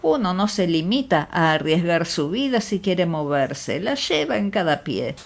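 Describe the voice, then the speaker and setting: Médico jovial y afable de audiolibro, con voz de mujer, exclama mucho, entonación viva. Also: female voice, fairly low pitch, sing-song, measured pace, gravelly, full character voice. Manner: effusive, exclamatory. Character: jovial exuberant male country doctor.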